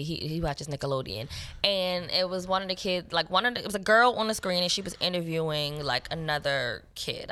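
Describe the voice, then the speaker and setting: A woman in her thirties co-hosts a casual podcast, chatting about family and work and using lots of fillers. Her voice is lowish and a little bright.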